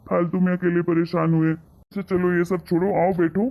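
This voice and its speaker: A man voicing a gentle, affectionate elderly father in a cartoon story, talking in a soothing, coaxing way. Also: high-pitched, flat delivery, moderate pace. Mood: fond. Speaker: father and grandfather. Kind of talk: Hindi cartoon moral-story voice acting. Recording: tinny phone-like sound.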